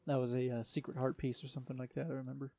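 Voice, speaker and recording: A man's voice: mid-range voice, level tone, very fast, warm tone. A young man giving rambling, easygoing commentary over a solo game playthrough, with lots of fillers and restarts. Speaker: let's play commentator. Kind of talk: casual solo gameplay commentary.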